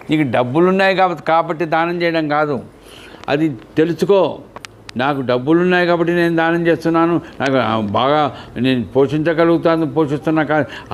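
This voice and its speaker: A man giving a devotional discourse, telling stories and asking and answering his own questions. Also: a little high. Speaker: spiritual discourse speaker.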